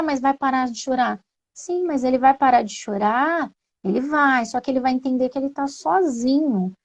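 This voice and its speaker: A woman's voice: fairly high pitch, darkish tone. A woman giving patient, reassuring parenting advice in an informal live stream, often asking her listeners rhetorical questions. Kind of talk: informal explanatory talk on an Instagram live. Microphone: phone on a social media live stream.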